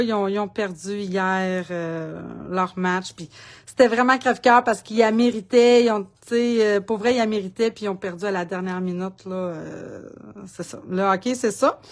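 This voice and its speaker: A woman with a Québécois accent hosting a live card-making demo, chatting in a rambling, talkative way and laughing often. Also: on the high side. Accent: Québécois French.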